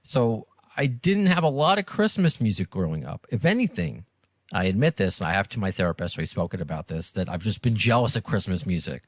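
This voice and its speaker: A man with a New York accent, from Long Island and Brooklyn, hosts a podcast, rambling casually and self-deprecatingly in an interview-style chat. His voice is on the low side, very animated, and a little fast. The audio is studio quality with no room sound.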